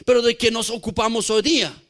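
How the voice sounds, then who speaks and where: Un hombre, pastor, predicando en un culto que pregunta a la congregación y repite frases para recalcarlas. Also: male voice, very high voice, steady tone, a little fast, fairly bright tone. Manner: asks the congregation questions, repeats phrases for emphasis. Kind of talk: sermon. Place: church service.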